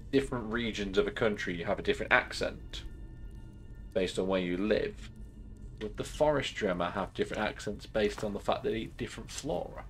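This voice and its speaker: Chatty low-voiced male streamer. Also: a bit bright. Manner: chatty, swears, thinks aloud. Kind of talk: casual game commentary.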